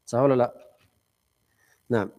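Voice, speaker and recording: A man's voice: medium pitch, steady tone, moderate pace, warm tone. A man teaching a study circle, explaining a classical text conversationally and quizzing his students.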